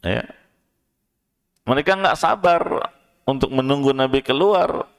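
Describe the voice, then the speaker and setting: A man's voice: medium pitch, expressive, vocal fry, clean tone. A man with an Indonesian accent teaching a study session in a mosque. He explains in plain everyday speech and often checks in with his listeners. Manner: chants verses slowly, then raises his voice to act out the shouting. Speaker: Quran teacher.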